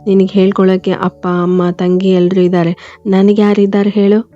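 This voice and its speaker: A woman's voice: medium pitch, little pitch movement, normal speed, lightly acted. A woman voicing a teasing young husband. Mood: tender. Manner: playful, gently scolding. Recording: dull lo-fi, faint music behind.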